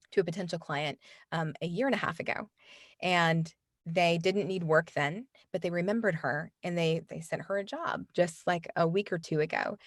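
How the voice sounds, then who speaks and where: Recorded on a studio microphone with studio quality and no room sound, the woman has a lowish voice. She coaches voiceover artists and, in a casual interview, speaks earnestly while frequently restarting her sentences and filling pauses.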